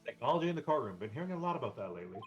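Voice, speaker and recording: Lively male streamer, swoopy delivery, dull lo-fi mic with faint game music behind. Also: mid-range voice, rapid-fire. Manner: animated, joking, reads lines aloud. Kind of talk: casual co-op gaming chat.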